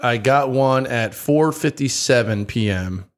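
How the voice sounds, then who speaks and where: Animated, swearing male podcast storyteller. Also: medium pitch, measured pace. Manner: animated storyteller who swears and acts out phone calls. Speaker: podcast host. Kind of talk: casual chat.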